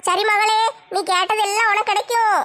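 A woman's voice: very high-pitched, steady tone, a little fast, bright, forceful tone. A woman playing a woman possessed by a commanding Buddha spirit, bossy and chanting a goddess song. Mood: indulgent.

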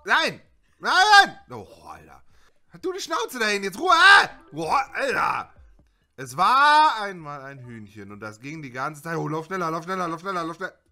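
A man commenting on a voice-controlled game, swinging from muttering to shouting and cursing at it. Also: on the high side, very animated, normal speed. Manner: shouts and swears at the game, jumps from mutters to yells. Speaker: gaming YouTuber. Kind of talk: let's play commentary.

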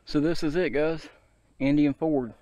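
An outdoor vlogger in his thirties chats easygoingly to viewers while hiking through a forest to a shallow creek, filmed on a handheld or body-mounted action camera. His voice is on the high side yet dark in tone, steady and a little slow, and the recording is dry and muffled.

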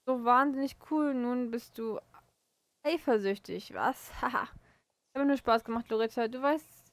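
A vain teenage girl showing off and teasing her best friend, read by a woman. The voice is fairly high and dry. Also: measured pace, no room sound. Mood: bragging.

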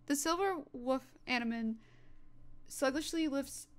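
A woman's voice: high-pitched, a little slow. A young woman casually narrating a role-play story, stumbling into fillers and restarts. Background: faint music.

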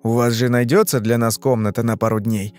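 A man's voice: mid-range voice, steady tone, brisk, a little mellow, soft background music, natural voice. A man voicing a stern, bearded male hypnotist in an audiobook, asking curt, demanding questions. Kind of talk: audiobook reading.

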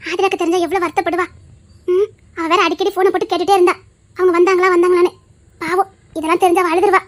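A woman's voice: very high voice, level tone, fast. A woman playing an anxious young woman in a family household, muttering worriedly to herself and calling out for someone, with a Tirunelveli Tamil accent. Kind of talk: audio drama acting.

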